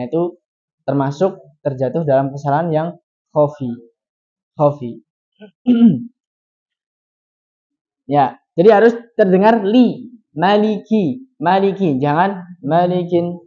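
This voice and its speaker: Slow Javanese-accented Quran teacher. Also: male voice, fairly high pitch, animated, dark tone, muffled recording. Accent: Javanese Indonesian. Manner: slow, demonstrates syllables by repeating them. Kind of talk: tajwid class instruction. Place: community study gathering in a room.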